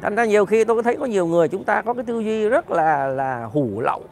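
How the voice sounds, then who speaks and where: A man's voice: high-pitched, lively intonation, quick pace, darkish tone, a little hiss or hum. A man ranting heatedly to his viewers in a profane, direct monologue. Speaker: political commentator.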